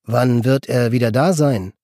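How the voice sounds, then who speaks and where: Man reading a halting, nervous caller. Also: mid-range voice, warm tone, no echo, clean studio sound, close to an everyday voice. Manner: halting, stammering. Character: nervous hesitant man on a phone call.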